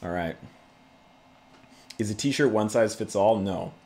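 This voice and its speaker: A man's voice: on the low side, slow, darkish tone. A man hosting a casual livestream, chatting to viewers in a laid-back, conversational way. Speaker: YouTube channel host.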